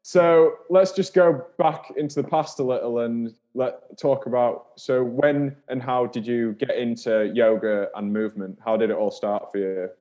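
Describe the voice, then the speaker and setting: A man's voice: mid-range voice, fairly even intonation, moderate pace, few pauses, warm tone. A man hosting a podcast, talking in a friendly, chatty way and laughing easily. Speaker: podcast host. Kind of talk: casual interview.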